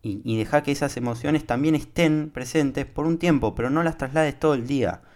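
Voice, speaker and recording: A man's voice: mid-range voice, a little fast, darkish tone. A young man with an Argentine accent hosting a solo podcast, talking casually and directly to the listener, with many fillers. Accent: Argentine Spanish. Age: young adult. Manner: informal, talks straight to the listener, many fillers. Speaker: podcast host.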